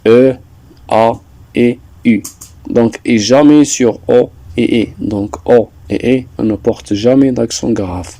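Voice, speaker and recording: A man teaching a French lesson, explaining slowly and deliberately, repeating points with some hesitations. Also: mid-range voice, mellow, dry recording. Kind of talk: slow classroom explanation.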